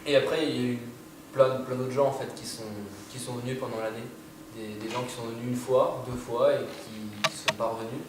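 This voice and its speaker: A man's voice: mid-range voice, fairly even intonation, fairly quick. A young man, a student, hesitantly telling how he found an amateur theatre workshop, with many fillers. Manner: hesitant, repeats words and fillers. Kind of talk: casual spoken account. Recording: echoey room, far from mic, noise.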